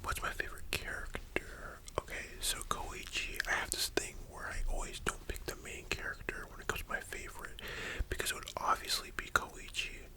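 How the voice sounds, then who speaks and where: Soft library whisper, casual ASMR fan talk. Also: normal speed. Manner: soft unvoiced whispering throughout; informal, opinionated, slangy. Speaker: host of an ASMR channel.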